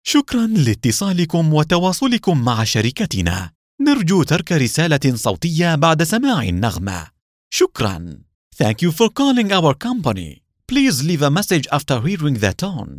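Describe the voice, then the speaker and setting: A man's voice: a little high, wildly swooping pitch, a little slow, no room sound, studio quality. Man reading a polite answering machine greeting. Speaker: voice-over artist.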